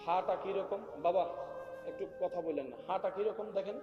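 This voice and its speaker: High-voiced preacher shouting through an echoing PA. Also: male voice, normal speed, lo-fi sound. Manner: shouts to the crowd, calls for responses. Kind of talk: Islamic sermon at a gathering. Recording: echoey PA sound, with music.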